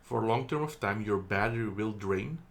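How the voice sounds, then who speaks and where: On a phone camera indoors, a man from the Netherlands reviews a product casually in a gravelly voice on the low side, at a moderate pace. He's chatty and hesitant, with frequent ums and self-corrections.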